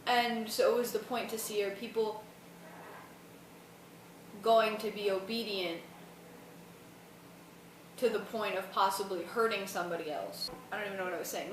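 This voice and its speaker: A young woman student vlogger rambles through a casual, colloquial explanation, sounding tired. Her medium-pitched voice is fairly even and moves at a moderate pace with long pauses, captured on a distant mic in a roomy space with faint noise.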